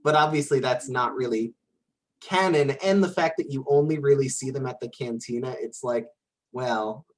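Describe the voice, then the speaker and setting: A man's voice: mid-range voice, normal speed. Hesitant male podcast co-host. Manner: hesitant, full of "uh" and "like". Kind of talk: casual podcast chat.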